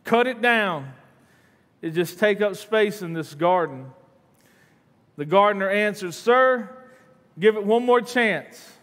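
A man's voice: sits high, animated, takes it slowly, pauses often, a bit bright. A man, preaching a sermon in earnest from a church stage. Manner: earnest, repeats words, paces the stage. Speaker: pastor. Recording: long hall reverb in a church.

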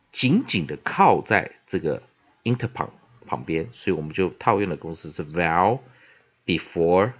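A man with a Taiwanese Mandarin accent teaches English pronunciation in a classroom style. His fairly low voice moves lively up and down, and he fills his pauses with many drawn-out "ah"s, slowly repeating the words he teaches. The recording sounds dull and lo-fi. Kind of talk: classroom-style vocabulary lesson.

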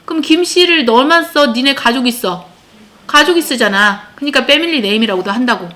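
A woman's voice: sits high, lively intonation, normal speed, bright, forceful tone. A woman teaching English to a class of children, explaining a text line by line and often checking that her pupils follow.

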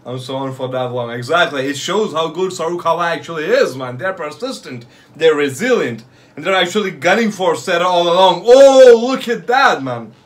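A young man giving excited live reaction commentary in casual street slang, swearing freely and repeating short phrases. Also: a little high, moderate pace. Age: young adult. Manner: casual street slang, like "yo", "fam", "bro", "no cap". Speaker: anime reaction host. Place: small bedroom or home room, indoors.

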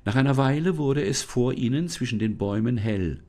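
A man reading a children's storybook aloud in a calm, measured way, with small thinking-aloud asides. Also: medium pitch. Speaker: volunteer children's book reader.

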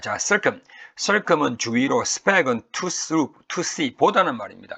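Gravelly Korean vocabulary teacher drilling words. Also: male voice, mid-range voice, bright, forceful tone. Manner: drills pronunciation with repeated words, stretched slowly; asks and answers his own questions. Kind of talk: recorded vocabulary lecture.

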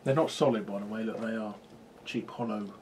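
A man's voice: on the low side, steady tone, a little mellow, a little hiss or hum. A man co-hosting a casual board game review, laughing often as he jokes. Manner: giggly, quick to laugh. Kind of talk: casual comedic chat.

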